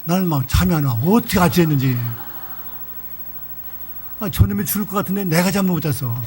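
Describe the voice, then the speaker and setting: Older pastor in a church, preaching quick and folksy, voice on the high side, faint room noise. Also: male voice. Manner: lively storytelling, folksy asides. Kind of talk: sermon.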